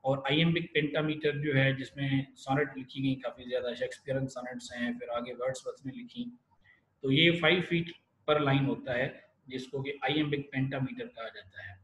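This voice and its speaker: A man giving an online literature lecture. He explains step by step and often pauses, restarts and fills gaps. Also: medium pitch, steady tone, fairly bright tone. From Pakistan. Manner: explanatory, many fillers and restarts. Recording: echoey room with faint hiss.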